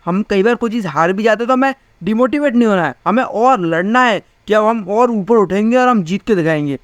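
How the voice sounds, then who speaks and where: A man's voice: high-pitched, lively intonation, brisk, no echo. A young man teaching a physics class in a casual, chatty way, often asking his students questions. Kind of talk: casual Hindi class lecture.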